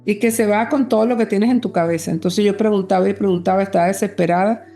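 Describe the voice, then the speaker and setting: A woman's voice: medium pitch, fairly even intonation, quick pace, warm tone, soft background music. A woman guest telling a personal story in an interview, in an earnest and emotional way, often acting out remembered dialogue.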